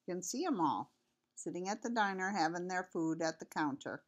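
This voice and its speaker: A woman's voice: fairly low pitch, animated, normal speed, muffled recording. An older woman, a sweet grandmother with a cold, reading a children's picture book aloud in a homely, chatty way. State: has a cold with cough.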